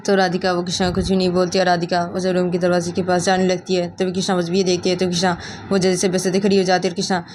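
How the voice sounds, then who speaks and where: A woman's voice: lowish voice, completely flat delivery, rapid-fire, few pauses, darkish tone, slight background noise. A woman narrating a romance story in a plain, run-on retelling manner.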